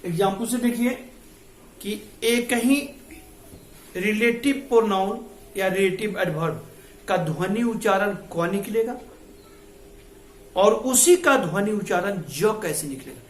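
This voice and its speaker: A man's voice: sits high, unhurried, long pauses, a little hiss or hum. A man teaching an English grammar lesson, explaining step by step and repeating the key terms. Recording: echoey room.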